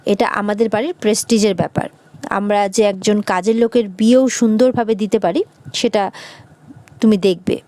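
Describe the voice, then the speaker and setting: A woman voices a proud, hot-tempered rich young man, scornful and quick to anger, in a voice only a little removed from her own. The sound is dry and close. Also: mid-range voice, steady tone, dark tone, dry recording, close to an everyday voice. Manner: scornful, angry.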